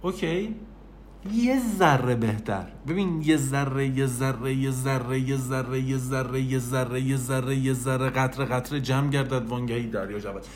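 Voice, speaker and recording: A man giving an animated motivational talk, speaking straight to the listener and repeating phrases for emphasis. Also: mid-range voice, hardly any pauses, slight background noise. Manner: animated, repetitive, addresses listener directly. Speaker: self-help speaker.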